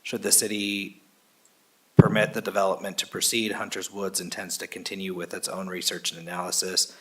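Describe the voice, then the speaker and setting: A man on city staff reading a formal comment letter aloud at a planning meeting, in a flat, formal way. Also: low-pitched, fairly quick, breathy edge, low-quality recording. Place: city council chamber.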